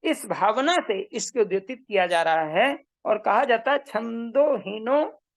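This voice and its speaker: A woman giving a measured, emphatic lecture on Vedic meter, repeating her key points. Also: mid-range voice, expressive. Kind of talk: slow explanatory lecture.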